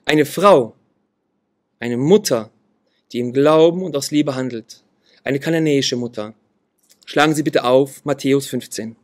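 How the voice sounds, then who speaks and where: A man's voice: medium pitch, a little slow, pauses often. A man preaching a sermon, reading Bible verses aloud and repeating key phrases with earnest emphasis.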